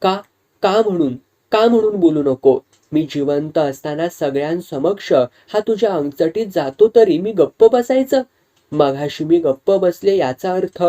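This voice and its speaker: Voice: medium pitch, animated, measured pace, mellow, lightly acted. Narrator voicing an indignant village wife. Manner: indignant, sharply questioning. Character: anguished married village woman, defiant and proud. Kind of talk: storytelling with character voices.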